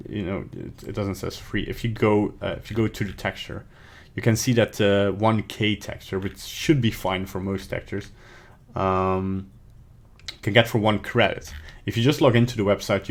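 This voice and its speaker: A young 3D artist with a Belgian accent livestreams a casual tutorial from his home desk in Belgium, interacting with chat while he rambles, thinks aloud and mutters over his work. He talks at a normal speed in a fairly low voice with fairly even intonation, and faint keyboard typing and clicks are audible.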